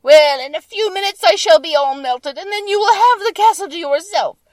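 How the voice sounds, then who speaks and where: Wicked old storybook witch: high, shrill, theatrical and wailing, drawn-out words. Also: animated, darkish tone, no room sound, recorded from a distance. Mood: wailing, despairing.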